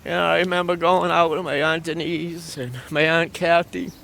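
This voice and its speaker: Brief: a bright, high-pitched guy vlogging on his phone outdoors, with faint traffic behind him. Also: flat delivery, normal speed, gravelly. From Massachusetts. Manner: rambling, repetitive, affectionate storytelling. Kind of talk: rambling personal vlog. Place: outdoors on a city street.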